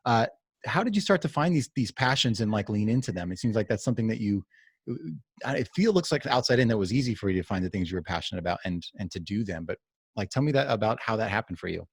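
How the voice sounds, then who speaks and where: A man's voice: fairly low pitch, animated, quick pace, husky, no room sound, clean studio sound. A man hosting a podcast interview, talking conversationally and asking long, searching questions. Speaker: podcast host. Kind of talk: casual interview talk.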